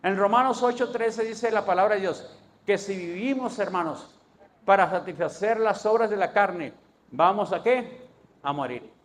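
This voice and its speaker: A man preaching a sermon as pastor, asking rhetorical questions and answering them, swinging between loud emphasis and low, quiet endings. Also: moderate pace.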